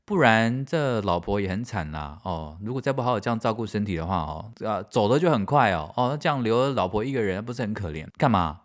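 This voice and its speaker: A middle-aged man with a Taiwanese Mandarin accent and a notably deep, low voice. He hosts a casual podcast, telling anecdotes in an animated, self-mocking way. He breaks into laughter often as he talks. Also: brisk, few pauses. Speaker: podcast host and stage director. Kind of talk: casual storytelling, answering listener mail.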